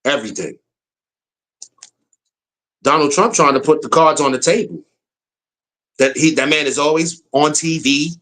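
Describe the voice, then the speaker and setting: A man's voice: a little high, unhurried, pauses often, fairly bright tone. Man, American accent, casual opinion rant, blunt, repetitive, emphatic. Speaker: political commentator.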